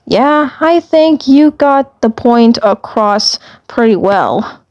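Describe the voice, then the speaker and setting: A woman voicing a smitten, flustered little male alien commander in an amateur fandub, halting and repeating phrases. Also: on the high side, expressive, a little mellow, dull audio. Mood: fond, teasing.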